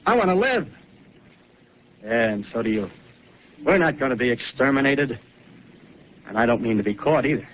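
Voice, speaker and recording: In a 1930s live radio drama heard through a tinny, hissing broadcast, a male actor plays a rough, scheming soldier who rambles feverishly in working-class slang. His medium-pitched, natural voice is animated, moving at a moderate pace with frequent pauses.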